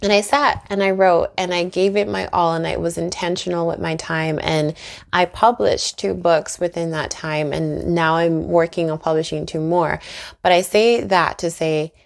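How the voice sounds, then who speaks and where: Speaking to camera at a moderate pace, a Trinidad and Tobago YouTuber and author shares her faith with earnest encouragement and frequent small laughs. Her voice is on the low side, steady in tone, and creaky.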